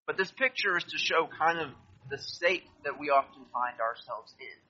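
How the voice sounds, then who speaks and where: A man delivers a sermon with a bright, forward voice and a husky edge to it. He reads scripture aloud and explains it, asking listeners to turn to the verses with him. The recording sounds a little dull and lo-fi. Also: on the high side, animated, normal speed. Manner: addresses listeners directly, asks them to turn to verses. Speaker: preacher.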